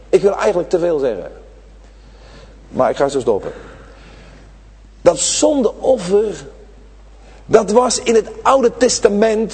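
A man preaching a sermon to his congregation, swinging between loud, drawn-out emphasis and quiet, low asides. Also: breathy edge, in a large hall. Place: church.

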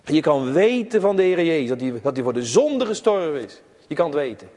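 A man preaching a sermon to his congregation, emphatic, rising to high cries and dropping to hushed tones. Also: very animated, brisk, in a large hall. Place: church.

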